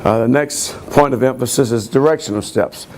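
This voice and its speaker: A man's voice: medium pitch, brisk, darkish tone, slight background noise. A man coaching running backs, explaining drills step by step in a plain, repetitive way. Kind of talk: coaching instruction.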